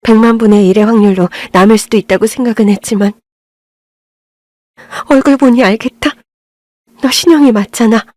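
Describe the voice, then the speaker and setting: A woman doing a middle-aged mother in an audio drama who speaks softly and tenderly, close to tears. The sound is dry and close-miked. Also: fairly high pitch, normal speed, long pauses, no echo, lightly acted. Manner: soft, tender and emotional.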